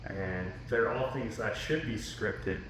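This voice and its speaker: Thoughtful podcast guy, steady low voice, bit of hiss behind. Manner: measured and thoughtful, short agreeing replies. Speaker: podcast co-host. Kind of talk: casual podcast chat. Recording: echoey room with faint noise.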